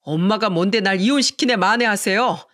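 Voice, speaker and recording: A grown son torn between his mother and his wife, voiced by the storyteller, in a radio drama. He speaks earnestly and apologizes tenderly, in a middle-pitched voice. The recording is dry and close. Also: a little fast, fairly bright tone, no room sound, close to an everyday voice. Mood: pleading, firm. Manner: earnest and pleading. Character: pleading, protective grown son and husband.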